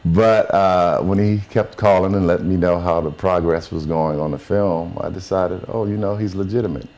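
A man, an actor, recalling in a relaxed interview how he was cast in a film. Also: low voice, moderate pace. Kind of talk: behind-the-scenes interview.

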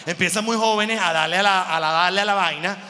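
A Venezuelan man performing a stand-up comedy monologue, animated and full of slang as he acts out little scenes. His voice sits high and bright. The sound carries the long reverb of a large hall. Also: quick pace, a little hiss or hum.

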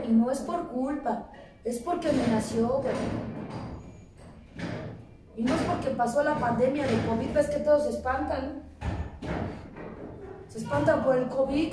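A woman in her thirties with a Mexican accent, giving a blunt, preachy testimony full of swearing at a recovery group meeting. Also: high voice. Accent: Mexican Spanish. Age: 30s. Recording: echoey room, voice far from mic, noisy.

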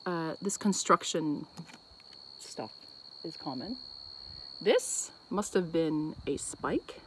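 A woman's voice: low voice, animated, slow pace. Rambling woman vlogging outdoors. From Acadian Canada. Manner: rambling, self-interrupting, thinking aloud. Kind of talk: casual outdoor vlog chat. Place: outdoors on a bridge over water. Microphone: phone set on the bridge. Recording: noisy outdoor phone recording, traffic, insects.

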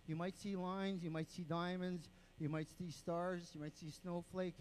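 A man's voice: high-pitched, little pitch movement, moderate pace, a little hiss or hum, low-quality recording. A man explaining dances to an event crowd on a handheld microphone, patient and step-by-step, counting out rhythms. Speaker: dance group spokesman and announcer. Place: indoor powwow event.

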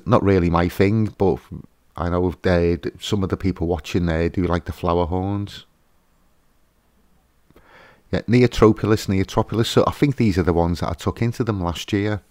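A man's voice: sits low, normal speed, a little mellow, no echo, studio quality. A man hosting a fishkeeping channel, giving a casual, hesitant voice-over with lots of fillers and restarts.

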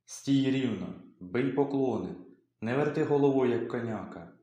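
A man reading aloud voices a pious, scolding peasant mother with a sharp, chiding manner. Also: mid-range voice, normal speed, lightly acted. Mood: angry shouting. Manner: scolding, then softly pious. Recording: very echoey room.

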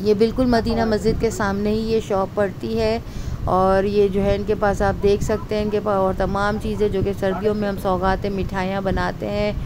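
A woman vlogger with a Pakistani Urdu accent narrates a tour of a market, steadily listing goods and their prices one at a time. Her voice is mid-range at a normal speed, with a music bed underneath and a noisy background.

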